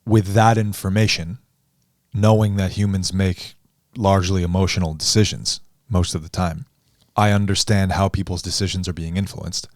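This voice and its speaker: A man and coach on a podcast conversation, explaining ideas in a measured, thoughtful way. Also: low-pitched, fairly even intonation, no room sound, studio quality. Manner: measured, thoughtful, deliberate phrasing.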